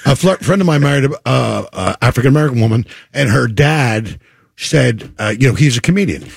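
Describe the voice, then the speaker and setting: A man, a comedian guest, telling a quick joke story on a talk show. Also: mid-range voice, expressive, creaky, slightly rough, no echo, studio quality.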